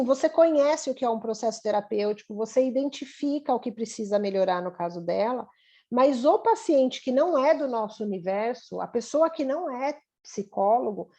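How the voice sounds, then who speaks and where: A woman's voice: a little high, lively intonation, moderate pace, warm tone. A woman, a psychologist, talking casually as she teaches, reflective and full of tag questions. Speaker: psychologist leading a training session.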